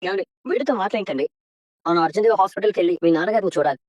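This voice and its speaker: Actress as a brisk urgent wife. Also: female voice, medium pitch, animated, a little mellow, no echo, lo-fi sound, close to an everyday voice. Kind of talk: TV serial drama acting.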